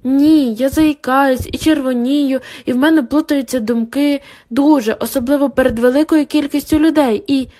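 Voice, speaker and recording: A nervous young woman, a graduate student in an audiobook, pleading in a quick, fretful way, as a woman reader puts her on. Her voice sits a little high. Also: fairly even intonation, warm tone, lightly acted. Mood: anxious. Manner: anxious, pleading. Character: panicky young female grad student.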